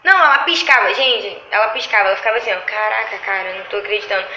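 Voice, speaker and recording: A woman in casual chat, telling animated stories about her lash clients and acting out their lines. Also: medium pitch, rapid-fire, a little hiss or hum. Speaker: lash artist. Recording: echoey room.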